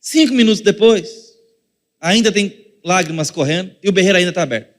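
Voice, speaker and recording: A man with a Brazilian Portuguese accent preaches from the pulpit, his voice pitched high for a man. He keeps it chatty, slipping into small acted-out scenes and turning to the listeners to address them directly. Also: brisk, long reverb tail. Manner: conversational preaching, acting out little scenes. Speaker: pastor. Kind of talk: sermon.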